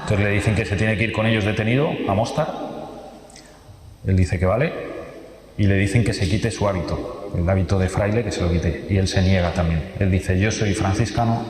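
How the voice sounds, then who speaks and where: Man with a Spanish accent from Spain, low voice, storytelling talk in a booming hall with long reverb. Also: fairly even intonation, fairly quick, darkish tone. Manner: vivid storyteller, repeats phrases and restarts often. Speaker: speaker giving a testimony.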